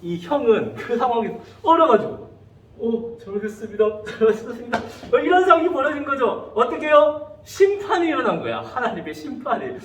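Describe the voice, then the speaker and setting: A young adult man giving a lively, storytelling youth sermon as a pastor, acting out the voices in his stories. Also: extremely high pitch, fairly quick, slight background noise. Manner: animated, acts out quoted voices. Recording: echoey church hall, from far off.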